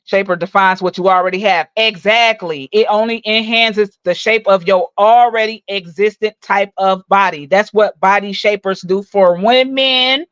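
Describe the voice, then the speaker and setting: A woman in her forties delivering a profane, mocking rant full of loud insults as she roasts someone on her stream. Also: medium pitch, moderate pace, few pauses, dry recording. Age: 40s. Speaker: livestream host. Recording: dull dry lo-fi recording.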